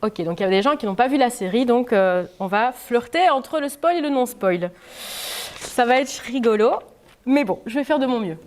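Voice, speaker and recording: A woman's voice: a little high, expressive, moderate pace. A woman author giving an informal public talk to an audience in a library, chatty and full of hesitations. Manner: chatty, many hesitations with "euh".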